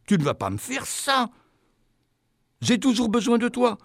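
A man's voice: very high voice, huge pitch swings, measured pace, no room sound, studio quality, heavily acted. A man playing a whiny, pleading hundred-year-old man in a comic sketch. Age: older.

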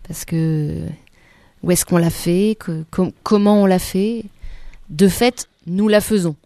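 Hesitant French actress being interviewed. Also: female voice, on the low side, slow, dark tone, no echo, studio quality. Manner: hesitant, many restarts and fillers. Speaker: actress, guest. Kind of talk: radio interview.

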